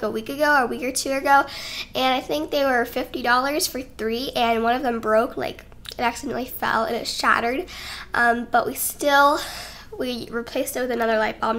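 Young woman, high voice, bright tone, chatty, rambling, slightly breathless, home vlog. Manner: chatty and rambling, giggly, self-conscious. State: a little out of breath. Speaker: YouTuber. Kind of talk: casual sit-down vlog talk. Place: home, indoors. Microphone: desk microphone.

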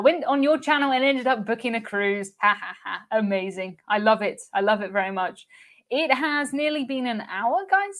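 A young woman hosting a cruise live stream, chatting casually and reading out viewer comments, laughing often and repeating words. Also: fairly high pitch. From United Kingdom. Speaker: cruise channel host.

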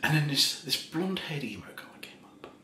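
A tipsy man in his thirties telling a rambling ASMR story in a soft voice, chuckling often and slipping into half-whispers. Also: on the high side, lively intonation, a little fast. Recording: roomy echo, faint background hiss.

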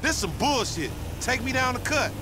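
Lamar, a cocky street hustler. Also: male voice, very high-pitched, lively intonation, moderate pace, very noisy. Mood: boastful. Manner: loud, cocky street slang, swearing. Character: brash reckless young male gang member. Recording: video game dialogue over music.

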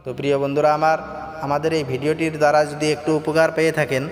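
A man teaching Quran recitation, chanting each verse slowly and then explaining how to pronounce it. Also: a little high, flat delivery. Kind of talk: slow Quran recitation lesson. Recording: echoey room with long reverb, faint music.

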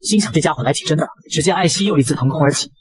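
A man narrating a manga recap in a brisk, breathless scripted delivery. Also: fairly high pitch, lively intonation, crowd noise.

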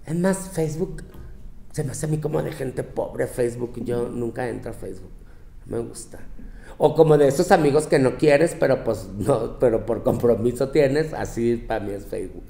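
This man uses his natural voice, mid-range, gravelly and mellow at a moderate pace, to play a bossy young Mexican woman with a Mexican accent. She lectures her girlfriends in a profane, scolding comic rant, brash and sassy, with mocking quoted voices. The recording has a roomy, echoey sound.

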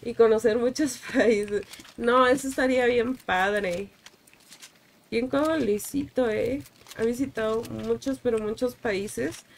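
A young woman from Guatemala chats with her viewers during a game stream, in a friendly, easygoing Guatemalan Spanish. Her voice sits a little high and carries a gravelly fry. She greets people by name as she plays. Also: takes it slowly. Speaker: gaming streamer. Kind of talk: casual live-stream chat while playing.

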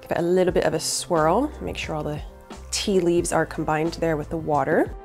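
A woman in her thirties hosting a bubble tea recipe tutorial, explaining each step in a bright, upbeat way on a studio kitchen set with a lapel mic. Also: deep voice, fairly even intonation, moderate pace. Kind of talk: scripted cooking tutorial. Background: soft background music.

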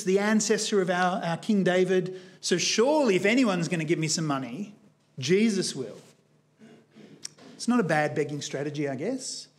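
A man preaching a sermon in a church, earnest and emphatic, telling a story with shifting pace. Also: sits high. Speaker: guest preacher.

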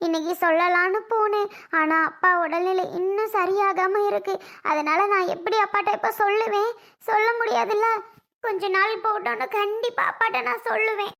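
Woman doing a very high, gravelly tearful daughter. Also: steady tone, normal speed, a bit bright. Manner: weepy, pleading, trailing off. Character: tearful young adult daughter, soft-hearted student. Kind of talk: comedic family skit acting.

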